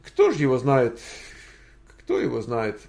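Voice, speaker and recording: An older man with a gravelly, creaky voice hosts a relaxed Q&A for his viewers. He drifts through his answers and thinks aloud, pausing often to hunt for words. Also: medium pitch. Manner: rambling, thinking aloud with many hesitations. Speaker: host answering viewer questions. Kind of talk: casual livestream Q&A.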